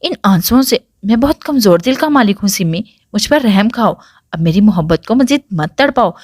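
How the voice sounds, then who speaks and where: A woman's voice: mid-range voice, lively intonation, darkish tone, no room sound, studio quality, close to an everyday voice. A woman voicing a grief-stricken young man, a loving brother who pleads tearfully in anguished outbursts. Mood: tender.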